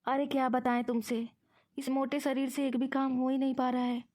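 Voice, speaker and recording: A woman's voice: high voice, little pitch movement, normal speed, a little mellow, lightly acted. A woman voicing a complaining aging woman who pretends to be forgetful in a cartoon. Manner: complaining, whiny. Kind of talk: cartoon voice acting.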